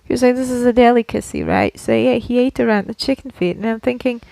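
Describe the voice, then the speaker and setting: Co-hosting a casual podcast, a Slovak woman explains things in a chatty way and keeps checking that her listener is following. Her voice is fairly high, quick, creaky and warm, recorded with no room sound.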